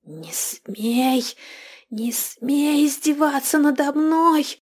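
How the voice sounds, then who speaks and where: A woman's voice: mid-range voice, expressive, slow, dark tone. Gema, a woman voicing a mocking vampire queen witch. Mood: furious. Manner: mocking, taunting, hissing. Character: scheming ancient female vampire queen witch. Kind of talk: audiobook character voice.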